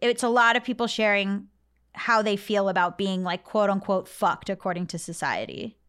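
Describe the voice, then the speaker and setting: A woman's voice: mid-range voice, normal speed, a bit bright, clear, resonant tone. A woman podcast host giving casual advice in an informal, frank way.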